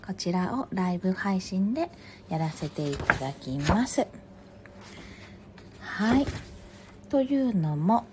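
A woman hosting a morning live stream, speaking softly and very politely and reading picture books aloud. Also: fairly low pitch, slight background noise. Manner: soft, very polite, gentle.

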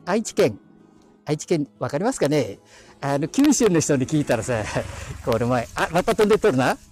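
Casting: chatty Aichi-dialect man, husky, lively up-and-down delivery, outdoor walk on a phone mic. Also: a little high, moderate pace. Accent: Aichi (Nagoya-area dialect). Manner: chatty, talks to himself, chuckling asides. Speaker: live audio streamer. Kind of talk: casual rambling walk-and-talk. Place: outdoors on quiet residential streets. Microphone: phone held in hand while walking.

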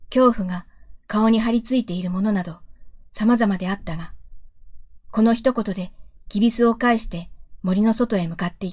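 Woman calmly reading a novel aloud. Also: medium pitch, dry recording. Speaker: storyteller. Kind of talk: audiobook-style reading of a novel.

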